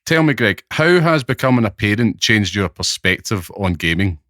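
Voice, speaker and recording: A man's voice: fairly low pitch, sing-song, normal speed, a bit bright, no echo, clean studio sound. A man with a thick Glaswegian accent, hosting and interviewing on a podcast. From Glasgow, Scotland. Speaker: podcast host.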